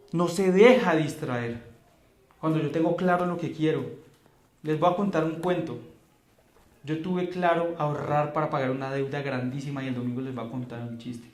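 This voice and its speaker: A man with a Colombian accent preaching a sermon as pastor, with emphatic repetitions and rhetorical questions. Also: a little high. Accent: Colombian Spanish. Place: church hall. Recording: echoey church hall.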